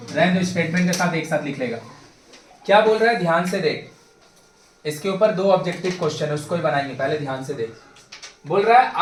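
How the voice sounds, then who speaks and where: A high-voiced male math tutor, talking to his class in a chatty, joking, familiar way. His voice rings through a bare, echoey classroom and is picked up from some distance away. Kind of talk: classroom lecture.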